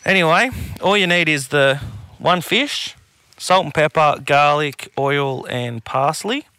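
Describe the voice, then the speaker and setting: A man's voice: on the high side, takes it slowly, bright, forceful tone, clean tone, dry recording. A man with an Australian accent chatting casually as a podcast co-host, in a slangy, sweary, blokey tradesman way. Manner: laid-back blokey Aussie tradesman talk, slangy and sweary. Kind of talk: casual chat.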